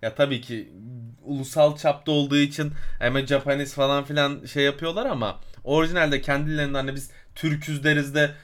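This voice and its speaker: A man co-hosts a travel podcast, spinning a long, casual, rambling story full of fillers as he hunts for words. His voice is a little high and fairly bright, with little pitch movement. He talks fairly quickly and barely pauses.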